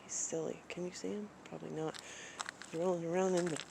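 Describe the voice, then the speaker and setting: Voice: mid-range voice, little pitch movement, fast, vocal fry, very noisy. Rambling vlogger talking into a phone. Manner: rambling, many fillers and restarts. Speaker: travel vlogger. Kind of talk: casual rambling monologue. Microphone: phone camera.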